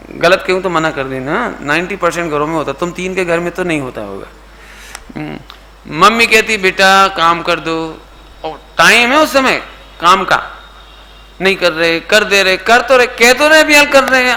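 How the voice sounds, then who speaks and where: A middle-aged man giving a sermon to a youth camp, asking his listeners questions, mixing in English words, and now and then slowly singing a line of verse. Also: high-pitched, sharp tone. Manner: asks the audience questions and coaxes answers; sings verse lines slowly. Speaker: Jain preacher.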